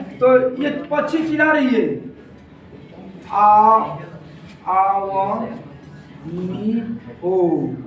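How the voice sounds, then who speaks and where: A male teacher, giving a classroom lesson in call-and-response style, repeating key words slowly. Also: very high-pitched. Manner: asks and answers his own questions, repeats key words slowly. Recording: very echoey room, distant from the mic, faint noise.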